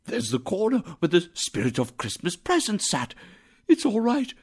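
A man voicing an old male miser who cries out in an excitable, exclamatory way. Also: fairly high pitch, a little slow, vocal fry, exaggerated voice. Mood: giddy.

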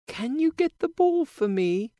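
A storyteller voicing a spoiled young princess in a high, whiny, pleading voice. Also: big pitch swings, unhurried, dark tone, no echo, studio quality. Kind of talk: storybook reading.

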